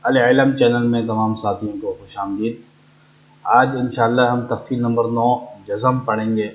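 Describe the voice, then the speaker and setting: A man's voice: medium pitch, fairly even intonation. A man teaching beginners to read the Quran, repeating each syllable three times in a patient chanting drill. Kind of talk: slow, drilling beginner lesson. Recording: slightly dull, lo-fi.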